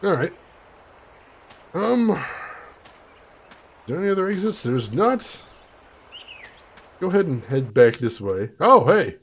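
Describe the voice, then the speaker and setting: Casting: male game streamer, very lively intonation, creaky husky voice, playful casual commentary. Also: fairly high pitch, slow, pauses often, slight background noise. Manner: playful, chatty, theatrical asides.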